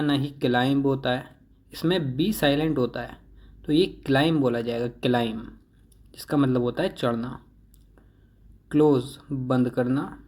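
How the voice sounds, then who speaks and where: Male teacher, slow and careful delivery, reads a word list and stresses correct pronunciation. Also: medium pitch, a little mellow. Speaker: English vocabulary teacher. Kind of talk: reading a word list with Hindi meanings.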